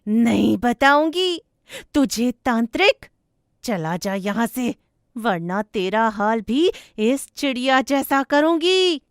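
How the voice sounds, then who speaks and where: Cartoon villain: vengeful female bird ghost, menacing and shrieking, high and swooping. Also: big pitch swings, dry recording, studio quality, full character voice. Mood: taunting. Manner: menacing, shrieking, slow drawn-out taunts and eerie laughter. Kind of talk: Hindi cartoon voice acting.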